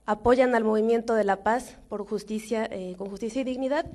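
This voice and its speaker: A woman's voice: a little high, fairly even intonation, a little mellow. Mexican woman giving an informal talk. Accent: Mexican Spanish. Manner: measured, with frequent fillers and restarts. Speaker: invited speaker at a forum.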